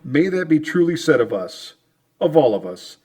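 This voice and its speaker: A man narrating a radio drama like a storybook, in measured, dramatic phrases. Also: on the high side, sing-song, darkish tone. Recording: prominent guitar music under the voice.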